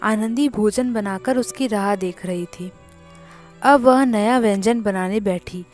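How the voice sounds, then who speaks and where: A woman narrating a classic short story as a storyteller, with a measured, deliberate reading. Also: mid-range voice, a little mellow, soft background music.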